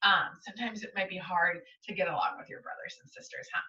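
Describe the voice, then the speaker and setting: This American teacher reads a story to her young pupils from home, quick-paced and on the low side in pitch, yet expressive and sing-song, quizzing the kids as she goes. A faraway mic leaves the audio echoey and a bit dull.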